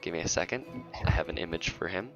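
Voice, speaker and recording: A man's voice: sits low, quick pace, vocal fry. A man narrating as game master of a tabletop game, teasing the players and often laughing. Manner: laughing, teasing, self-interrupting. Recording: muffled lo-fi audio, faint music.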